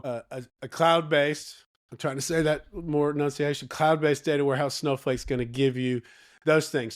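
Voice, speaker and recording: A man speaks in a soft Southern Alabama accent with a drawl, at a middling pitch. He is getting over a slight cold. His delivery is that of a coach explaining in an interview, emphatic and encouraging, with key phrases repeated. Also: smooth. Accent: Southern Alabama, United States. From Alabama, United States. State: recovering from a cold. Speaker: data coach and interview guest.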